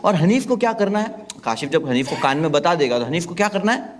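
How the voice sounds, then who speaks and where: A man telling a comic story on stage, animated and acting out the people in it with big jumps in his voice. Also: quick pace. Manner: animated, acts out characters with big pitch jumps. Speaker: stand-up comedian. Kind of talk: stand-up storytelling. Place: comedy stage before a live audience. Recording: stage mic with loud crowd laughter and noise.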